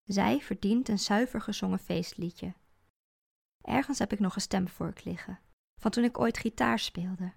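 Woman reading a story out loud, dry funny delivery, super creaky fry voice. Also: medium pitch, a little slow. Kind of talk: first-person story narration.

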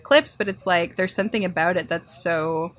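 A woman's voice: on the low side, moderate pace, a bit bright. A woman co-hosting a podcast, introducing a guest and rambling enthusiastically with many restarts. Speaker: podcast co-host. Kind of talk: casual interview chat.

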